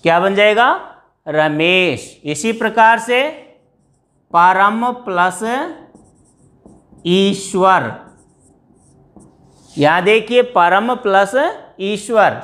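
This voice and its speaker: A man's voice: high-pitched, lively intonation, fairly bright tone. A man teaching a grammar lesson, explaining step by step and asking his students questions before answering them himself. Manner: drawn-out words when stressing examples.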